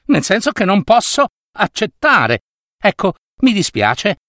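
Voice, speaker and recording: A man's voice: sits high, wildly swooping pitch, a little slow, bright, forceful tone, no echo, studio quality, pitched above the performer's own voice, full character voice. A man doing a prim little princess ball. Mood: apologetic. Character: proud little princess ball, female, polite.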